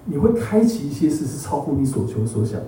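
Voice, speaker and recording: A man's voice: mid-range voice, big pitch swings, fairly quick, mellow, a little hiss or hum. A man preaching a sermon with a personal testimony. He keeps asking the congregation to agree and drops English words into his talk. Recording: echoey hall, mic far off.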